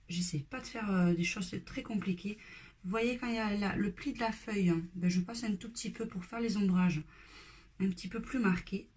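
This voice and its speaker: A woman hosting a step-by-step coloring tutorial, talking in a casual, relaxed way with fillers and dropping at times to a whisper. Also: medium pitch, slightly rough.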